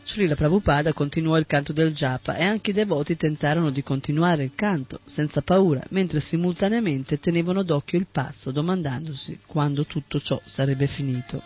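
A man narrates a story in a steady, measured reading voice. His voice sits somewhat high. Soft sitar music plays behind him, and the recording is dull and muffled.

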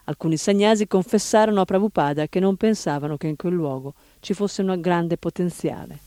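A man narrating, reading a biography aloud in a steady, even storytelling manner. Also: high voice, brisk, no room sound.

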